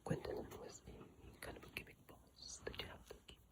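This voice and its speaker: Whispering breathily and softly up close to an iPhone microphone, an ASMR video creator reads game descriptions aloud. Her pace is unhurried, broken by hesitant, casual asides.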